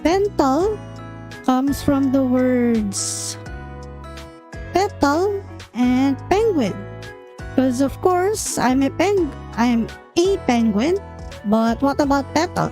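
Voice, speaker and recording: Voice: high voice, expressive, takes it slowly, pauses often, darkish tone, faint music behind, pitched above the performer's own voice. A streamer using a voice changer to voice a cute young female penguin persona, chatty and giggly while introducing herself to chat. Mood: cheerful. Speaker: VTuber streamer. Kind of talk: debut stream self-introduction.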